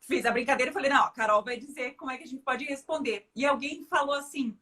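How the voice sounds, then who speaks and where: Brazilian woman with a high, chatty voice. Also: fast talker. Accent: Brazilian Portuguese. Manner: conversational, storytelling, relaxed. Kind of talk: casual chat.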